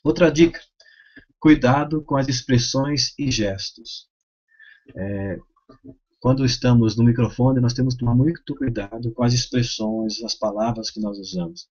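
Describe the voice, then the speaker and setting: A man, a pastor, teaching a course on preaching with a Brazilian Portuguese accent, giving measured advice with frequent hesitations. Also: mid-range voice, darkish tone. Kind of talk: instructional talk. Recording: slightly dull, lo-fi sound.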